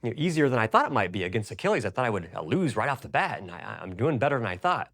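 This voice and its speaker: A man's voice: mid-range voice, big pitch swings, a bit bright. A man voicing a resigned warrior prince in a story retelling, stammering and hesitant. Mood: uneasy. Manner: halting, stammering.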